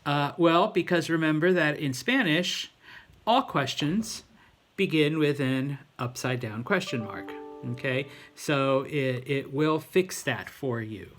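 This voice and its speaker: A middle-aged man giving an informal tutorial as a language teacher, talking haltingly and often checking in with his listeners. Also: on the high side, lively intonation, fairly bright tone, faint music behind. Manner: halting, with frequent check-in questions. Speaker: Spanish teacher. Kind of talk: informal tutorial for students, demonstrating on a computer.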